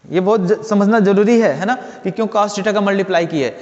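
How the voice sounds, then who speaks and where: A man's voice: sits high, brisk, a little mellow. A man teaching physics as a classroom lecture, asking questions aloud and answering them himself, often adding a tag question for agreement. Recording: dull lo-fi audio with long reverb.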